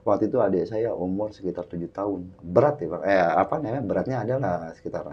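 Talking fast in a low, slightly rough voice, a guest casually tells the host a dramatic personal story, vividly told and peppered with constant calls of "Bang." The audio is dull and lo-fi, with faint background music.

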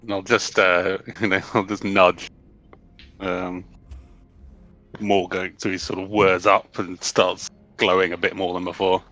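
Male player at a tabletop game, slightly deep voice, relaxed casual role-play talk. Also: a little slow, pauses often.

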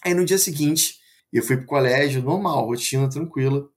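A man telling a true ghost story as a podcast guest, in a casual, animated way, full of fillers and acting out his parents' voices. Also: mid-range voice, normal speed. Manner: frequent fillers like 'tipo' and 'assim'.

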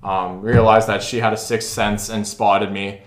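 A man's voice: lowish voice, flat delivery, unhurried. A young man co-hosting a casual sports podcast, telling stories in a laid-back, self-deprecating way. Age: young adult. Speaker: podcast co-host. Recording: roomy echoey sound.

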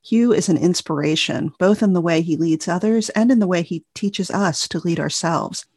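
A woman's voice: on the low side, normal speed, darkish tone, husky. A woman hosting a podcast, reading a scripted introduction and asking friendly interview questions. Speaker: podcast host.

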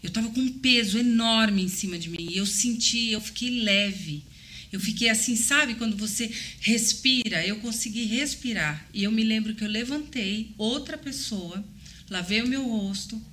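A woman with a Brazilian Portuguese accent telling a personal faith testimony in an animated way, acting out the voices in her story. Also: a little high, normal speed. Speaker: guest sharing a testimony.

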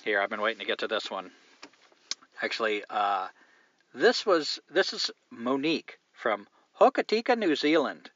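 A man's voice: medium pitch, lively intonation, normal speed, a bit bright, no room sound, highs cut off. A man hosting a casual solo podcast from a car, reading listener mail with a rambling, joking, profane manner. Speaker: podcast host.

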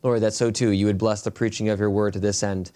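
A man pastor speaking at a pulpit microphone in a church, reading scripture and praying in an earnest, measured way, with halting fillers in his prayer. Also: fairly low pitch, flat delivery, dark tone. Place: church sanctuary, indoors.

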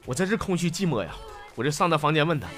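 Brief: joking male host with a Northeastern accent, lively and slangy, swooping delivery. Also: on the high side, racing. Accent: Northeastern Mandarin. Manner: teasing, animated, slangy. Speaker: host reading listener stories. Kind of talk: comic storytelling. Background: background music.

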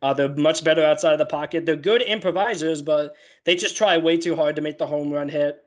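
Male co-host with a higher voice, jokey and self-deprecating. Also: fairly quick. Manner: self-deprecating, laughs easily. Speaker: co-host analyst. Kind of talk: casual sports talk.

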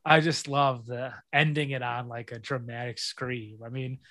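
A man in casual chat recapping a film, relaxed, laughing often and repeating words as he searches for them. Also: medium pitch, normal speed, no echo. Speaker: podcast co-host.

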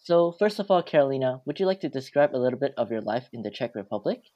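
A man from Hong Kong, the host of a student podcast, speaks at a middle pitch for a man. He asks his questions casually and curiously, hedging with "like" and "maybe" as he goes. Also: lively intonation, fast, dull audio. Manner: curious, casual, uses "like" and "maybe" while asking.

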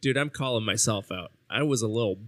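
A man's voice: on the low side, a little fast, fairly bright tone, no echo, studio quality. A man co-hosting a podcast, chatting casually, joking and mocking himself. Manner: joking, self-mocking, laughs often. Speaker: podcast co-host. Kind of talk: casual chat over drinks.

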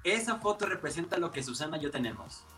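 A man with a Mexican accent, a makeup artist telling stories in a casual, lively interview. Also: fairly high pitch, fast talker, soft background music. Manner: animated, expressive, many fillers.

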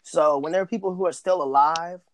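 A man's voice: fairly high pitch, brisk. Frank, rambling man in casual talk. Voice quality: rambling, frequent restarts and fillers. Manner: frank, tells it like it is. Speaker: podcast co-host. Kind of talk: casual chat.

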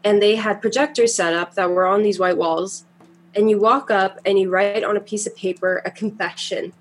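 A young woman from Canada, a singer chatting as a guest in an interview, talkative and quick to laugh. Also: medium pitch, fairly even intonation, slight background noise. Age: young adult. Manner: chatty, laughs often, trails off. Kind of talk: casual interview chat.

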